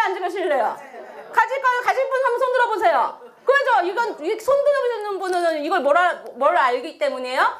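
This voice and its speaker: A middle-aged woman missionary giving a sermon in a church, animated, telling stories and quizzing the congregation. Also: very high voice. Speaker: missionary preacher. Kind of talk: sermon with prayer and congregation call-and-response. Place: church sanctuary.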